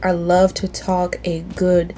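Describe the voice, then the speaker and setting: Sassy, playful woman vlogger, lowish voice. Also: completely flat delivery, takes it slowly, dark tone, faint music behind. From Tanzania. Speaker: beauty vlogger. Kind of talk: casual sit-down chat to camera. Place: indoors at home, reading from a tablet.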